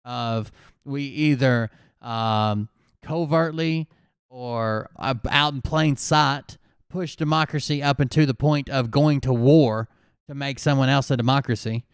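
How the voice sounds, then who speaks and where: A man with a smooth, clear voice talks things through in a calm, skeptical way, swearing now and then. He hosts a casual commentary chat, and his voice sounds close and dry. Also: mid-range voice, measured pace, no echo. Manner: skeptical, explains calmly, swears.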